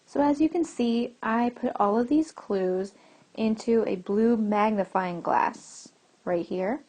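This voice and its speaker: A woman's voice: a little high, slow, darkish tone. A woman teacher giving a recorded lesson to children, explaining patiently and asking the class questions as she goes.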